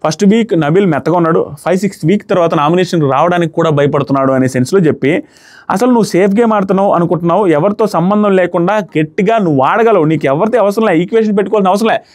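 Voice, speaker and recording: Guy reviewing a reality show episode, rapid chatty delivery, high voice. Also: darkish tone. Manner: retells scenes with quoted lines, emphatic and conversational.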